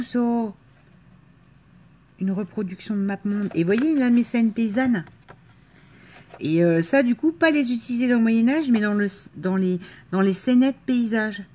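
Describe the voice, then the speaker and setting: Unboxing crafts with casual enthusiasm, a crafting vlogger from the Marne in France fills her chatter with fillers and laughs. Her mid-range voice has a darkish tone and a slight northern French accent, with slight background noise behind her.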